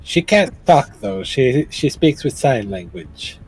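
A man's voice: mid-range voice, big pitch swings, takes it slowly, darkish tone, breathy edge, soft background music. A man chatting casually and in character as a player in a tabletop game.

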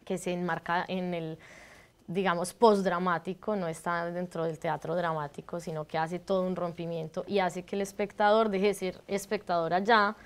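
A woman's voice: on the low side, little pitch movement, normal speed, clear, resonant tone. A woman in her thirties with a Colombian accent from Bogotá, a guest on a TV studio interview, explaining fluently and laughing easily. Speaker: guest, improv artist. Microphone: lapel mic.

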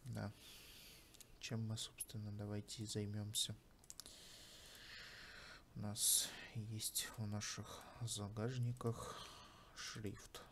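Male tutorial host, low-key and muttering, slow pace, little pitch movement, casual screen-recording feel. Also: monotone. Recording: faint background noise.

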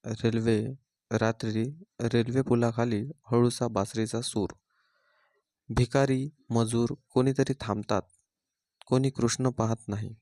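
Male storyteller, solemn scripted narration, warm low tone. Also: no room sound, clean studio sound.

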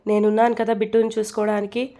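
A woman's voice: mid-range voice, little pitch movement, fast talker, dark tone, close to an everyday voice. A woman doing a scolding, worried mother. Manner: scolding, insistent. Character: worried middle-aged mother, pleading and scolding.

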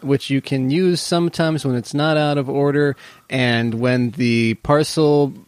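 A man's voice: medium pitch, fairly even intonation, unhurried, smooth, dry recording. A man co-hosting a podcast in casual chat, joking and swearing freely with sarcastic asides. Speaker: podcast co-host.

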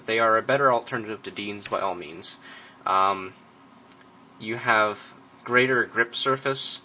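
A man with a low, very bright and forceful voice walks through a gadget review in a casual, matter-of-fact way, dropping ums and uhs as he goes. A faint hiss sits behind the recording. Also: rough recording. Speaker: product reviewer.

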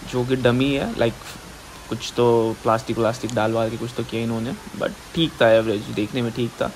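A man's voice: medium pitch, vocal fry. A young man in his twenties casually narrating a travel vlog, talking loosely and straight to the viewers, filmed on a phone held at arm's length. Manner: chatty, loose and informal, addressing viewers directly. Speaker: travel vlogger. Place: outdoors at a hilltop temple and viewpoint, also indoors in a hotel and a mall. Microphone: phone camera at arm's length. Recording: loud outdoor noise behind the voice.

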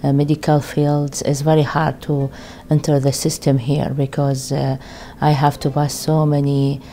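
A woman's voice: low-pitched, little pitch movement, normal speed, warm tone, a little hiss or hum. A middle-aged woman from Iraq with an Iraqi accent, speaking hesitantly with many fillers in a documentary interview. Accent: Iraqi Arabic. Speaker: refugee doctor interviewee. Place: indoor room with window.

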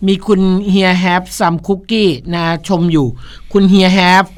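A woman's voice: fairly low pitch, flat delivery, very slow. A Thai woman co-hosting a radio English lesson, chatting, asking questions and repeating English phrases back. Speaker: radio co-host.

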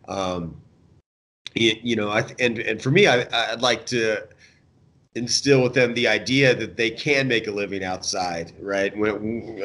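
Speaking from an indoor room via video call, this man, an American fishing guide somewhere in his thirties or forties, is being interviewed. He talks in a relaxed, thoughtful way, his lowish voice carrying a fairly bright tone.

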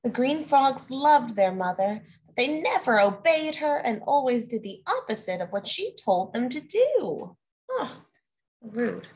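Woman, storyteller, children's story reading, playful asides, fairly high voice. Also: very animated, unhurried, hardly any pauses, darkish tone, slight background noise, low-quality recording.

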